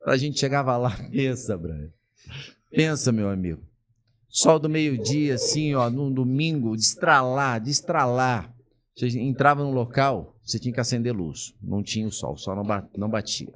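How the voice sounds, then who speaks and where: A man's voice: mid-range voice, moderate pace. A man, a pastor telling a personal story as a podcast guest, acting out the people he quotes. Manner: animated, acts out the people he quotes. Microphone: podcast studio mic.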